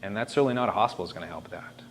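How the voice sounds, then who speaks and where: A man's voice: low-pitched, very fast. A man giving an informal presentation, conversational and emphatic as he thinks aloud. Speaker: speaker presenting disaster planning. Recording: faint background noise.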